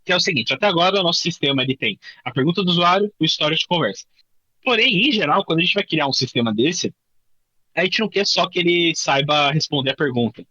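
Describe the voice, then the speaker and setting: Brazilian male instructor, bright dry voice, casual workshop demo, lo-fi sound. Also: on the high side, lively intonation, no echo. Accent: Brazilian Portuguese. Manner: informal, many restarts, thinking aloud while demoing; says he tends to talk fast. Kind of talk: live coding workshop explanation.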